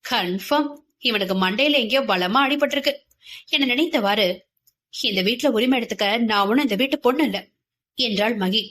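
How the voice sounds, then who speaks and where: Female audiobook reader, slightly high pitch, acts out each character's lines briskly and with emphasis. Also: fairly bright tone. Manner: voices every character herself, quick and emphatic in dialogue. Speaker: audio novel narrator. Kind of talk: dramatic audiobook reading.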